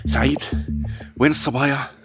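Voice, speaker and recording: An actor playing a brave, loyal young villager in a radio drama, talking bluntly and urgently in Levantine Arabic. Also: male voice, mid-range voice, fairly even intonation, a little fast, a bit bright, husky, no echo, studio quality, faint music behind. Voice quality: blunt, urgent, insult-laden. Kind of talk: audio drama acting.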